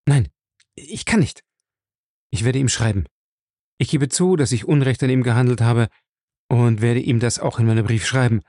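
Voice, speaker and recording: A man voicing a defensive, hasty young man who answers briskly. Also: medium pitch, mellow, dry recording, clean studio sound, lightly acted.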